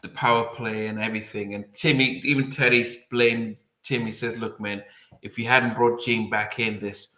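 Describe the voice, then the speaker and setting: A man hosting a podcast, calmly recounting what others told him in casual chat. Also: lowish voice, normal speed, roomy sound. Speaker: podcast host.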